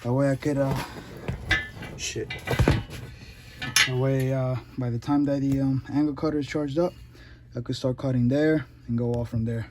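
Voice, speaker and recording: A man's voice: mid-range voice, steady tone, normal speed, long pauses, very noisy. A man casually narrating a do-it-yourself motorcycle job as a vlogger, rambling and correcting himself as he goes. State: out of breath at times.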